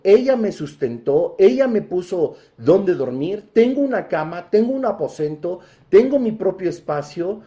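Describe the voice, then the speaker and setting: Man doing a shaken prophet begging god, mellow voice, bewildered and pleading. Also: high voice. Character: distressed pleading male prophet.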